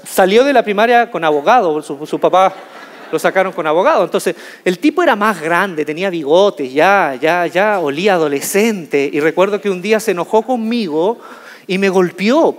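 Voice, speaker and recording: A man with a notably high voice tells a funny personal story from a stage. He is animated and jokey and leans on key words for effect. His voice rings out with the long reverb of a large hall. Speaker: motivational speaker. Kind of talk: humorous storytelling talk to an audience.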